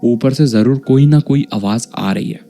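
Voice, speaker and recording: A man's voice: medium pitch, moderate pace, warm tone, soft background music, close to an everyday voice. A man voicing a scared younger brother who keeps pleading and worrying, told in a horror story. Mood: worried pleading. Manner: anxious, pleading.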